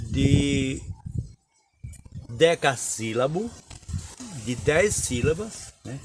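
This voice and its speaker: Male teacher, slow and patient, recites verse, faint background hiss. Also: mid-range voice. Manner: unhurried, explains step by step and recites verses. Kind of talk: lesson on cordel poetry.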